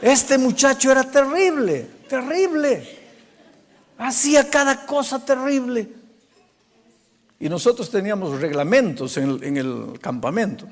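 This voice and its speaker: A male pastor telling a story in a sermon, animated, swinging from loud bursts to hushed, quiet passages. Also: very high-pitched, a little slow. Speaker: pastor, preacher. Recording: long hall reverb.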